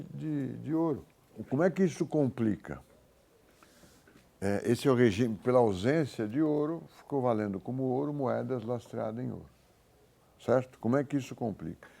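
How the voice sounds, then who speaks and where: With a medium-pitched, mellow voice touched by vocal fry, a Brazilian-accented economics professor gives a casual university lecture. He halts, thinks out loud and corrects himself while working through examples.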